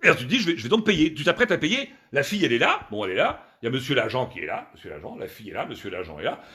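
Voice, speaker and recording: A man doing a solo stand-up show at home, animated and exaggerated, piling up repeated words. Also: medium pitch, racing. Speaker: comedian.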